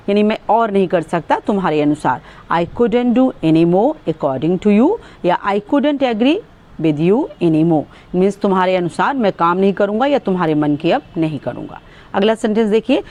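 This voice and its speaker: A woman teaching English sentences in Hindi, explaining with fillers and saying each English sentence very slowly and clearly. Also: mid-range voice, darkish tone.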